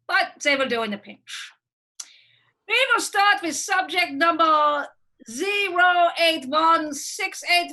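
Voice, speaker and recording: A woman reading the Wicked Witch, a bright, slow schemer. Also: extremely high pitch, exaggerated voice, low-quality recording. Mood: plotting. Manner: theatrical, sinister, gloating chuckles. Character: scheming female mad-scientist witch doctor. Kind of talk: livestream script reading.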